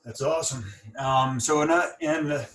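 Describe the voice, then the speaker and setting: A podcast host conducts a conversational interview in a slightly high, somewhat bright voice at a moderate pace. He stutters and restarts words but comes across as thoughtful and encouraging, recorded roomy and a bit far from the mic.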